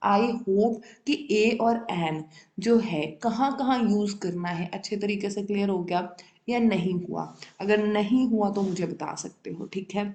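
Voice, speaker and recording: A woman's voice: mid-range voice, a little slow, a little mellow, echoey room. A woman teaching English grammar in a classroom style, often checking whether her students follow and repeating the key terms.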